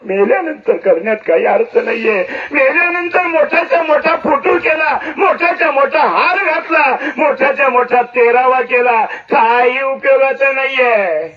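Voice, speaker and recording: A man's voice: extremely high pitch, moderate pace, hardly any pauses. A man preaching a devotional sermon in a dramatic, exhorting way, acting out the story. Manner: dramatic, exhorting, switches into character voices. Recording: distant muffled lo-fi recording.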